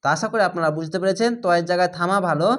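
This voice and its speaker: A man's voice: high voice, fairly bright tone, smooth. A patient man spelling out recitation rules. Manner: spells words letter by letter, then recites them slowly and drawn out; patient, repeats rules and quizzes the viewer. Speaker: Quran teacher. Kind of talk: step-by-step recitation lesson.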